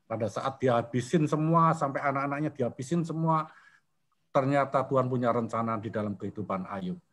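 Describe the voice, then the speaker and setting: A man's voice: medium pitch, a little fast, a bit bright. Older man telling his faith testimony. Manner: storytelling, often addressing listeners as brothers and sisters.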